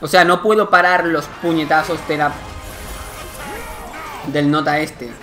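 A young man from Spain with a Spanish accent, commenting live on his gameplay, excitable and swearing often in frustrated outbursts. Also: fairly high pitch, a little slow, soft background music. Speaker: gaming youtuber.

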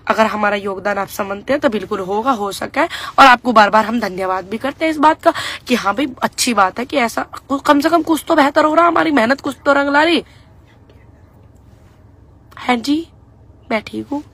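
A young woman with a high voice talks straight to her followers, half scolding and half teasing. Her tone is bright and sharp. She mixes sarcastic jabs with mock-earnest requests in homely village phrasing. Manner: sarcastic, mocking and pleading by turns; folksy, rural turns of speech. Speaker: political vlogger. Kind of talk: casual political commentary to followers.

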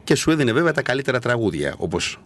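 A man's voice: mid-range voice, sing-song. A man hosting a radio interview, asking questions and prompting the guest with short affirmations. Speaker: radio host.

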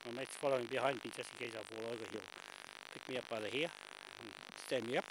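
An older man, out of breath and chatting as he films a walk down a bush stairway, often clearing his throat. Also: medium pitch, steady tone, fast talker. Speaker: vlogger filming a walk. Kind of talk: casual walking commentary. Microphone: handheld camera mic. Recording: loud hissy camcorder audio.

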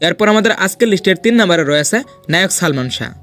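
A man narrating a ranked countdown as a scripted voice-over, with a high-pitched voice and a brisk, rushing pace. His delivery is dramatic and persuasive, and soft music plays underneath. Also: lively intonation. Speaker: host of a film ranking video.

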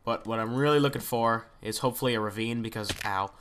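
A man's voice: medium pitch, quick pace, noisy background. A man hosting a gaming video, chatting casually and thinking aloud as he plays, often trailing off into mutters. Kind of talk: let's play commentary.

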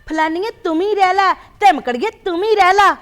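A woman's voice: very high voice, moderate pace. An actress playing a domineering older grandmother who scolds and mocks her family, in a short drama film. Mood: scolding. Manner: scolding, sharp-tongued, sarcastic.

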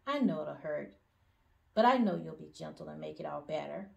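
A woman voicing a trusting, bossy six-year-old girl patient with a high, excited child's voice. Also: normal speed, vocal fry, lo-fi sound, heavily acted. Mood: sweet, trusting.

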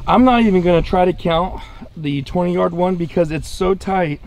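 An American hunting channel host in his forties tests a product in a casual vlog, explaining things plainly and informally outdoors in an open, dry yard. His voice sits high, is a little mellow and moves at normal speed. The audio is poor, though the outdoor ambient noise comes through clearly.

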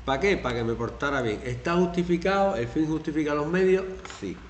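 A man from Spain teaching a classroom lesson, animated and acting out quoted phrases in mocking voices. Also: on the high side, brisk, roomy sound, slight background noise.

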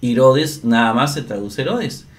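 Male teacher, unhurried screen-share explainer, middle pitch, keeps checking in with the class. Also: animated. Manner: slow, deliberate, often asks "¿verdad?". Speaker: Greek grammar teacher. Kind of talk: screen-share grammar lesson.

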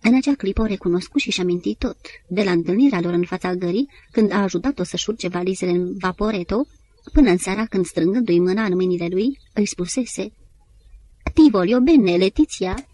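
A woman narrating an audiobook in a measured storytelling manner. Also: lowish voice, dark tone. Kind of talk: scripted literary narration.

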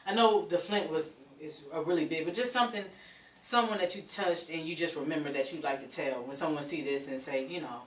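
Lady radio host chatting away, laughs a lot, lowish voice, roomy echo. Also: a little fast, distant mic. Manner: chatty, laughs often, storytelling. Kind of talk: casual interview chat. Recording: echoey room, voice off-mic, faint noise.

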